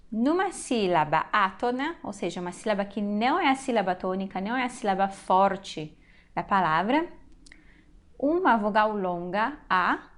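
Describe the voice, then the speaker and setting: A woman, a language teacher in a recorded video lesson, who explains patiently and step by step to her viewers. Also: a little high.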